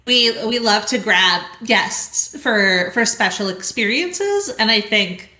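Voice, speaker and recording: A woman's voice: medium pitch, expressive, takes it slowly, pushed and bright, echoey room. A woman voicing a sly cat-folk carnival worker, coaxing and hesitant with many fillers.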